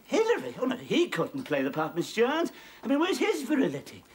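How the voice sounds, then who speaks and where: A middle-aged English actor playing a vain, scheming, excitable landlord in a studio sitcom, often repeating himself. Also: male voice, very high-pitched, a little fast, full character voice. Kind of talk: 1970s studio sitcom acting. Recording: old TV studio, loud audience noise.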